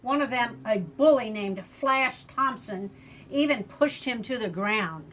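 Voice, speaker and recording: A slightly high-voiced older woman reads a children's tale a little slowly, playing the grandmotherly storyteller. She slips in simple, expressive asides for a small child, and there's a little hiss or hum.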